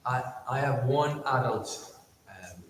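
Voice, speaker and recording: A man's voice: medium pitch, expressive, noisy background. A man piano teacher telling a story on a panel, restarting and repeating words and laughing as he goes. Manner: halting, repeats words, laughs while talking. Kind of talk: panel discussion. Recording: distant mic in an echoey hall.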